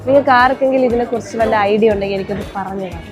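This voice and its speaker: A young woman with a high voice chats playfully to her viewers as she shops, breaking off now and then to coax her small child along. Clear music plays behind her the whole time. It is a casual, lively home vlog. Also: rapid-fire. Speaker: vlogger. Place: shopping mall.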